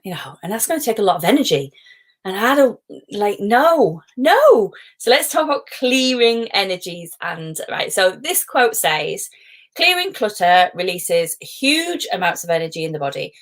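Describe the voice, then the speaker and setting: A woman's voice: mid-range voice, very animated, moderate pace, a bit bright. A middle-aged woman, hosting a live stream as a positivity coach, chatty and digressive with frequent laughs. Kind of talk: casual live-stream talk.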